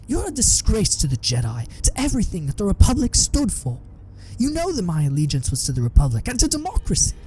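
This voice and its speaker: A man's voice: medium pitch, huge pitch swings, normal speed, few pauses, warm tone, a little hiss or hum. A man voicing a proud male Jedi master who speaks in a raised, strained and indignant voice. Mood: enraged.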